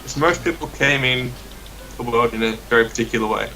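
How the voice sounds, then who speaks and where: A man's voice: medium pitch, a little fast, pushed and bright. A man chatting casually with friends while playing a game. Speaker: gamer. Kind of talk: casual gaming banter. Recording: distant mic with faint noise.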